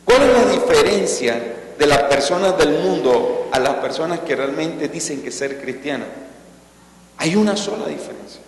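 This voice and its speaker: A fairly high-voiced man preaching from the pulpit. He calls on the congregation to repeat after him and climbs into loud, dramatic peaks as he reads scripture. The sound rings through a large, reverberant church hall. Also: expressive, normal speed, slight background noise. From Colombia. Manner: preaching with call-and-response prompts to the congregation; dramatic rises in pitch and volume on scripture lines. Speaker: pastor. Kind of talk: sermon.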